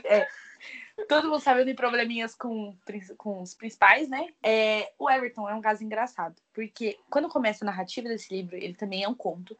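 A woman co-hosting a podcast in casual chat, animated and expressive, acting out characters' lines as she talks. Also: a little high, brisk. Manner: animated, acts out character dialogue in quoted voices; expressive, frequent laughs and exclamations. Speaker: podcast co-host reviewing books.

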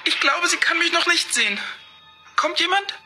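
Woman as terrified small girl, stammering, high bright voice, horror story. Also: expressive, moderate pace, soft background music, exaggerated voice. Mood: scared. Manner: timid, stammering. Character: frightened little girl on emergency call.

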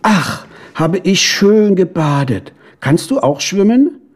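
A man's voice: sits high, sing-song, slow pace, pitched above the performer's own voice, full character voice. A man voicing a small, disobedient boy beetle who whines and pleads, in a storybook reading. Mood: chirpy. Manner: pleading, tearful.

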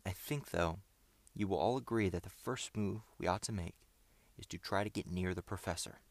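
A man's voice: deep voice, normal speed, no room sound. A man reading the part of a sensible, level-headed boy who leads his group, talking things through persuasively. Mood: earnest.

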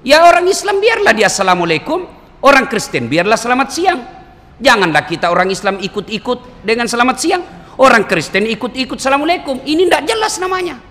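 A man's voice: very high-pitched, sing-song, a little fast, bright, forceful tone, big-room sound. A man preaching a sermon, telling stories with humor and acted quotes. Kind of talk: sermon to a congregation.

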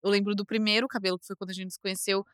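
A Brazilian woman hosting a casual interview, asking gentle questions and giving short supportive affirmations. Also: mid-range voice, flat delivery, very fast, clean tone, no echo, studio quality. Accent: Brazilian Portuguese. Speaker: podcast host.

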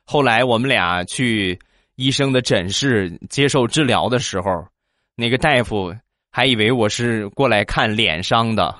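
A man telling comic anecdotes in a playful, lively storytelling manner. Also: medium pitch, measured pace, no echo, studio quality. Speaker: comedy storyteller.

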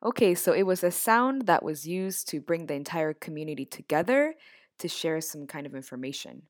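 A woman's voice: low voice, lively intonation, normal speed. A woman interviewing a guest, speaking thoughtfully and earnestly, with occasional small restarts. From United States. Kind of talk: reflective conversational interview.

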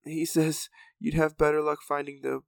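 Jack, a man doing a young hero relaying a lizard's words, slightly gravelly, dry close sound, storybook reading. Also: a little high, flat delivery, normal speed, no room sound. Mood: calm. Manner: relaying messages plainly.

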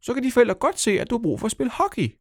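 A man's voice: very high-pitched, very animated, dry recording, clean studio sound, pitched above the performer's own voice, full character voice. A man voicing three small, mischievous talking turds who coax a girl in unison, in a children's storybook reading. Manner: sly, wheedling, speaking as one.

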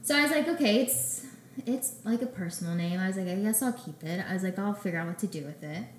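An animated young adult woman, founder of a small bakery, shares her story casually on an interview podcast, playing out conversations in lively back-and-forth. Her pitch is medium, and the echoey, roomy recording carries a little hiss or hum.

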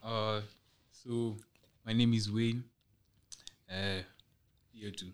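A man's voice: on the low side, little pitch movement, extremely slow, smooth. A young man with a Kenyan accent, speaking casually as a podcast guest. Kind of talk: casual chat.

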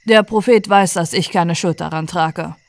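A woman's voice: fairly low pitch, normal speed, dry recording, close to an everyday voice. A woman voicing a loyal old male servant who talks in an earnest, scolding way. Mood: resigned.

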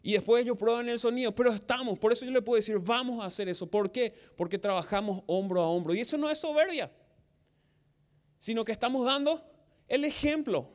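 A man's voice: extremely high pitch, brisk. A man with a Paraguayan Spanish accent preaching a sermon as pastor, asking the congregation rhetorical questions and acting out quotes. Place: outdoor church service.

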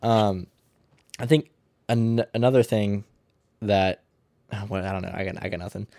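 Low-voiced laid-back man, dry sound. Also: fairly even intonation, normal speed, warm tone, no room sound. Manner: laid-back, hesitant, many short agreements. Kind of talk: casual movie discussion.

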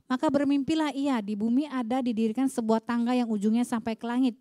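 A woman gives live interpretation of a sermon, rushing through each line quickly and fluently. Her voice is fairly high yet mellow, and the sound is close and dry. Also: fairly even intonation, no echo. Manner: quick, fluent, occasional hesitations. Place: church.

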